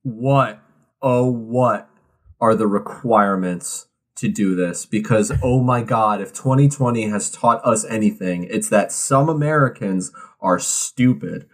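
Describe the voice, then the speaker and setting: Male co-host, tipsy, relaxed and jokey, with loose and stumbling speech. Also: fairly low pitch, unhurried. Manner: laid-back, joking, stumbling restarts. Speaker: podcast co-host. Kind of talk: casual chat.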